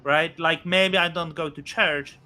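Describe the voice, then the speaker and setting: A man in his thirties hosts a loose crypto chat, his voice very bright and a touch high. He talks in halting bursts, full of fillers and restarts. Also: steady tone. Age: 30s. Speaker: host. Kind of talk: casual crypto podcast chat.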